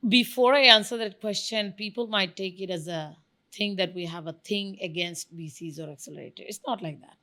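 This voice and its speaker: Briskly and brightly, in a pushed mid-range voice, the Bangladeshi woman answers as an interview guest. She founded a venture studio and speaks with emphatic enthusiasm, offering lists of examples.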